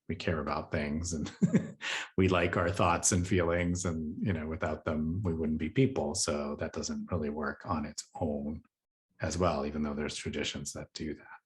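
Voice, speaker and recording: Male meditation teacher, very low voice, relaxed chatty delivery. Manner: relaxed and conversational, many fillers, light laughs. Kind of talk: casual spoken teaching.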